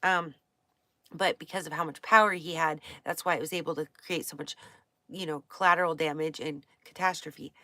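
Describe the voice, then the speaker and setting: Low-voiced woman with a Pacific Northwest accent. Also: fairly even intonation, moderate pace, pushed and bright, no room sound. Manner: meandering, self-correcting, with many fillers. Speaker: astrology teacher. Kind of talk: casual lecture reading from a book.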